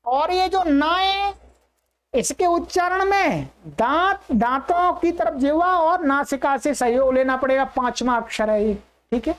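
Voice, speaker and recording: Slow, high-voiced woman teaching a class. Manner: patient, repeats sounds slowly for learners. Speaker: Sanskrit teacher. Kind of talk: online class lesson.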